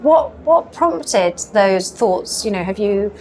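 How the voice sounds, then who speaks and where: A woman's voice: mid-range voice, animated, slow pace, warm tone, a little hiss or hum. A woman hosting a podcast interview from a booth at a tech event, asking chatty, enthusiastic questions. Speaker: podcast host.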